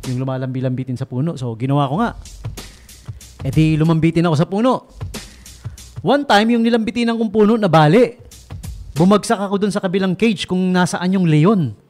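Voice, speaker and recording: A man's voice: sits high, normal speed, pauses often, faint music behind. Playful Filipino radio DJ man. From Philippines. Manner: playful, animated, laughs at own jokes, switches Tagalog and English. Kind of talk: late-night radio joke telling and sign-off. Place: radio studio.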